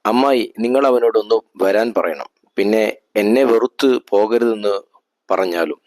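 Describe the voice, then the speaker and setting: A man's voice: fairly low pitch, unhurried, darkish tone, no echo, close to an everyday voice. A man voicing a proud, hot-tempered caliph in a spoken history story, commanding at times and pleading at others.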